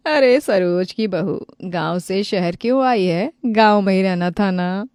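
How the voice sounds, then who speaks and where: Lady doing a nosy cartoon neighbour, taunting and loud, a bit far off mic. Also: mid-range voice, measured pace, clear, resonant tone, no room sound, studio quality, close to an everyday voice. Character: mocking nosy neighbour woman.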